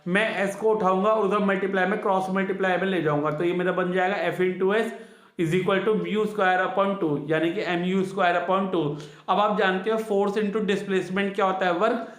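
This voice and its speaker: Echoey high-voiced male physics teacher. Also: steady tone, moderate pace, a bit bright. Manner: repeats each key answer twice, asks the students questions. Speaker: science teacher. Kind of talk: classroom physics lesson.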